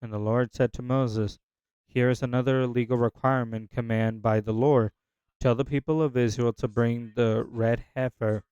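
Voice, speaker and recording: Halting man reading scripture aloud. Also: mid-range voice, darkish tone, smooth, dry recording, muffled recording. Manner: halting, stumbling over words and restarting lines; unsure of hard names, pauses to check pronunciation. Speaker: scripture reader. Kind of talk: casual unscripted Bible reading.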